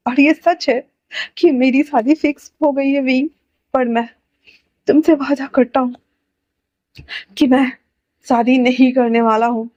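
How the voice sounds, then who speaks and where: A woman's voice: high-pitched, fairly even intonation, measured pace, long pauses, darkish tone, no room sound, lo-fi sound. A woman voicing a devoted, remorseful young man who speaks earnestly in an emotional storybook reading. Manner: earnest, heartfelt.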